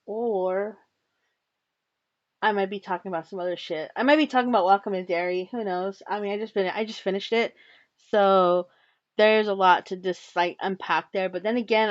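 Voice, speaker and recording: A woman hosts her own show in a loose, chatty way, speaking frankly and swearing without a second thought. Her voice sits at an ordinary pitch for a woman. The recording is dry and close, with slightly dull, muffled audio. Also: dry recording. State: coughing and hiccuping. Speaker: channel host. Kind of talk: casual solo commentary.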